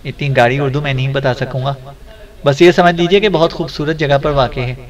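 A man's voice: mid-range voice, fairly even intonation, a little fast, distant mic, close to an everyday voice. A man voicing a fussy, easily offended male companion in an audiobook, speaking hesitantly. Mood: grumbling.

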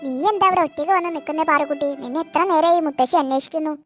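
A doting old grandmother from an animated cartoon, voiced by a woman, protective and quick to scold anyone who hurts her grandchild. The voice sits very high and thin for an elderly woman. She fusses tenderly over the little one. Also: faint music behind, close to an everyday voice. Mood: searching, worried. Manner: tender with the child, scolding toward her daughter-in-law.

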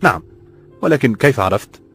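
A man voicing an eager, tense young man who asks quick questions in colloquial Egyptian Arabic. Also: medium pitch, big pitch swings, fairly bright tone, soft background music, voice pushed up.

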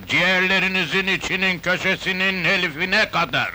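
A man's voice: high voice, normal speed, bright, forceful tone, a little hiss or hum, poor audio. A jovial defiant rich old father. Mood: boisterous. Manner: boisterous, laughing, theatrical. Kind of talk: 1970s film acting.

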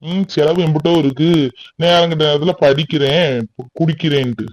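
A man's voice: a little high, steady tone, normal speed, no room sound, natural voice, poor audio. A man voicing a sarcastic, dismissive older brother in a cartoon, with a dry close sound. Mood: mocking. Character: stern older brother, mocking.

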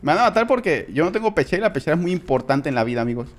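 A gaming creator giving excited, profane live commentary, yelping and laughing while talking to viewers as friends. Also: medium pitch, rapid-fire, a little hiss or hum. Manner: excitable, swears, yelps and laughs at the action.

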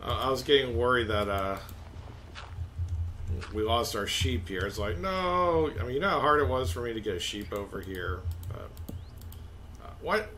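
A woman's voice: a bass voice, animated, normal speed, long pauses, a bit bright, a little hiss or hum. A woman joking around as a co-player in a casual gaming session, rambling with fillers.

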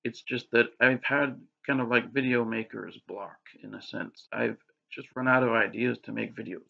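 Hiccuping as he goes, a man delivers a rambling, filler-laden monologue about faith straight to the camera, often starting over. He speaks at normal speed in a gravelly, mid-range voice with fairly even intonation, and the lo-fi recording is dull.

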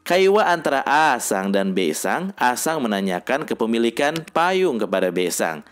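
A man narrating a scripted language lesson, reading sample sentences slowly and deliberately. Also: medium pitch, big pitch swings. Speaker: language teacher.

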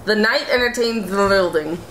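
A woman's voice: medium pitch, normal speed, fairly bright tone. A woman in her twenties reading phrases with her lips stretched wide by a mouth guard, so her words come out slurred. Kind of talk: casual challenge video, reading nonsense phrases. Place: small indoor room at a table. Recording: echoey home room, faint noise.

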